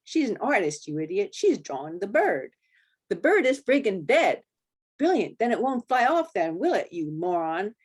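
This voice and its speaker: Brash, coarse British bikers, put on by a woman reading aloud, loud and jeering. Their lines jump well above her usual low voice. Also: sing-song, moderate pace, breathy edge, full character voice. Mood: rowdy mocking. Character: rough male British bikers, brash and crude.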